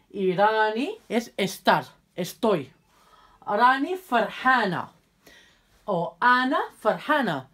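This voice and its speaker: A woman giving a casual video lesson, repeating phrases carefully for viewers and chatting in quick asides while she handles her cards. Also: medium pitch. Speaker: language teacher.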